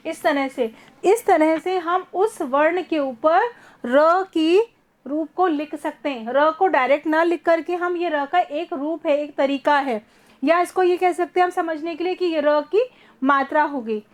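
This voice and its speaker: A woman teaching a first-grade class online, patiently repeating words slowly for young children. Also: sits high. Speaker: primary school teacher.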